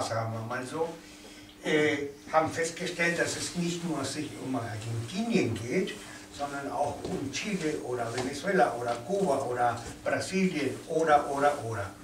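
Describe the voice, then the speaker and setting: A male interpreter at a café talk, working slowly through each phrase and pausing often on fillers. His voice sounds distant in a roomy, echoing space. A faint noise runs beneath it. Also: medium pitch. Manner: hesitant, many fillers and restarts. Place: event room in a café.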